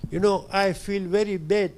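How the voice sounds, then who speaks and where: An older man from Tanzania speaks up from the audience in a somewhat high voice for a man. He talks hesitantly and keeps pausing to gather his words. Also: fairly even intonation, a little mellow, slight background noise. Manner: hesitant, fills pauses with "you know". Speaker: audience member asking a question.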